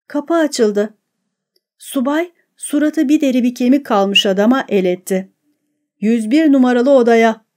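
A woman narrating an audiobook in a measured, steady reading. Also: fairly high pitch. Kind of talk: scripted narration.

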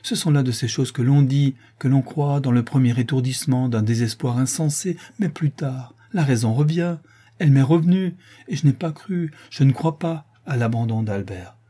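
A man's voice: medium pitch, moderate pace, warm tone, breathy edge, lightly acted. A man voicing a young female artist who pleads and insists anxiously, clinging to hope, in an audiobook. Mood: insistent.

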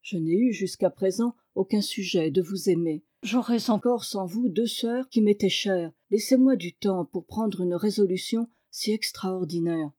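Young maiden, nervous and hesitant, warm mellow voice, a woman reading her from a storybook. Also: mid-range voice, unhurried, few pauses, natural voice. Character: young frightened noble girl. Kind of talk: read-aloud fairy tale.

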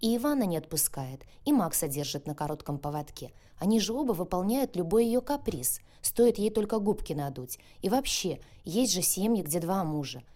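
A woman reading an audiobook, voicing a lively, chatty young woman friend who talks in a bubbly, coaxing way. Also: fairly low pitch, normal speed, few pauses, natural voice. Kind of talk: audiobook character voice.

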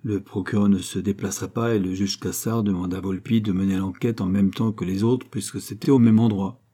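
A man narrating a crime novel in steady storytelling. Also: fairly low pitch, a little fast, husky. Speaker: audiobook narrator. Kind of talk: scripted narration.

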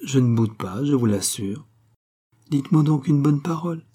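A man's voice: mid-range voice, animated, normal speed, dark tone, husky, pitched above the performer's own voice. Man reading a curt, sulky young fiancé. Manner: curt, evasive.

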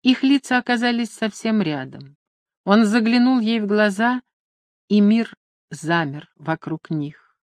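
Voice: mid-range voice, animated, unhurried, no echo. Dry, close audiobook narrator. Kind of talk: scripted narration of a romance novel.

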